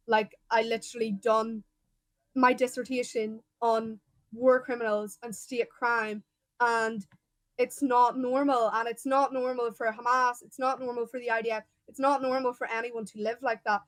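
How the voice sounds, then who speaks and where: A young woman with an Irish accent argues her side bluntly and emphatically, often tripping over her words as she pushes on. Her voice sits high, and the recording is dry and close, with no room sound. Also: flat delivery, normal speed, no echo, poor audio. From Ireland. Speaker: guest debater. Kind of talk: heated debate.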